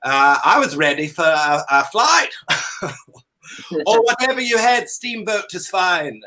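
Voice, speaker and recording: A man's voice: high voice, animated, unhurried, pushed and bright, full character voice. A man playing a flamboyant, centuries-old dandy as an interview guest, theatrical and calling everyone darling. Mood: grand. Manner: theatrical, plummy, calls people darling. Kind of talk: in-character comedic interview.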